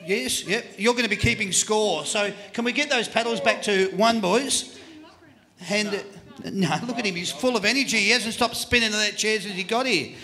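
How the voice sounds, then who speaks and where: An Australian man hosting a live quiz at a venue, energetic and joking as he hurries contestants along. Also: high-pitched, moderate pace. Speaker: quiz host on a live footy panel show.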